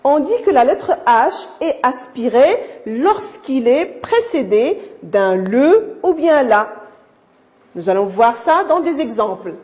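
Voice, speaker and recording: This primary school teacher's voice sits on the high side with a mellow quality. In a recorded lesson, she explains things to young children slowly and affectionately, patiently repeating and restarting her words.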